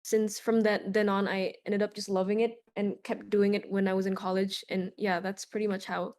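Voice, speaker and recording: A woman's voice: mid-range voice, normal speed. A young woman from Indonesia, a native Indonesian speaker, talking casually as an interview guest with lots of "like" fillers. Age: young adult. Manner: relaxed, chatty, many "like" fillers. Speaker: guest concert photographer.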